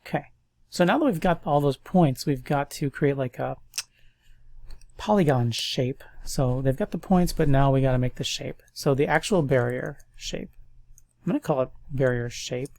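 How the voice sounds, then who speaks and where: Sounding stuffed up, a man thinks aloud as he walks through code in a casual screen recording, relaxed and talkative. His voice is gravelly and medium-pitched at a moderate pace, on a dry recording.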